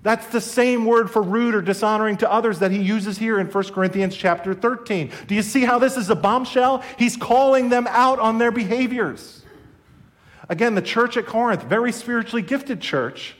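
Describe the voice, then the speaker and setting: A man's voice: high-pitched, normal speed. A middle-aged man preaching a sermon as a pastor, earnest and conversational with his congregation.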